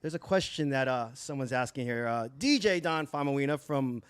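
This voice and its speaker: A man's voice: mid-range voice, lively intonation, normal speed, clean tone, dry recording. A man hosting a casual livestream interview as a DJ, hyped and full of praise. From United States. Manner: hyped, repeats praise like "very dope". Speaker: livestream DJ host.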